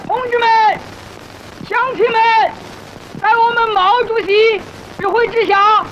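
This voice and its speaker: Rousing army commander, solemn declamatory film oratory, extremely high voice, muffled vintage soundtrack with faint noise. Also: steady tone, unhurried, a crowd in the background. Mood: rousing, resolute. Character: resolute revolutionary army commander rallying troops and villagers.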